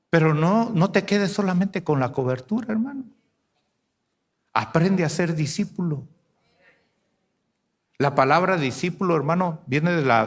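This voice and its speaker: Hombre predicador de voz aguda. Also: male voice, fairly high pitch. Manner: preaching with rhetorical questions, swings from loud to hushed. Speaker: pastor. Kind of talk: sermon.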